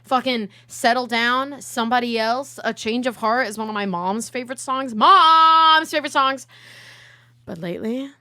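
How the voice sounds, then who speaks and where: A woman's voice: on the high side, normal speed, hardly any pauses, a bit bright, dry recording, clean studio sound. A woman in her twenties hosting a casual chat, with a brash, jokey, sweary way of talking and a habit of cutting in. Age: 20s. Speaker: podcast host.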